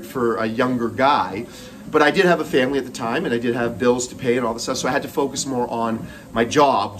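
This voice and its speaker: A middle-aged male host from Moncton, New Brunswick, Canada, speaks with a Canadian accent, telling a personal story in short, broken phrases as he runs on a treadmill. His voice is medium-pitched and fairly bright, with a little hiss or hum in the audio.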